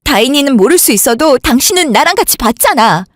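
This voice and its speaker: A woman's voice: high-pitched, very animated, quick pace, dry recording, studio quality. A woman voicing a grieving elder sister in a radio drama, insistent and worked up as she keeps pushing to call the police. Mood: agitated. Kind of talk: Korean radio drama acting.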